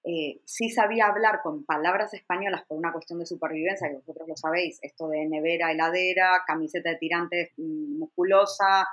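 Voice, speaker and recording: Chatty Argentine woman, lowish voice. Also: steady tone, fairly quick, hardly any pauses, fairly bright tone, low-quality recording. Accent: Argentine Spanish. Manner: chatty and reflective, with frequent fillers. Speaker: podcast guest. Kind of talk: casual conversation.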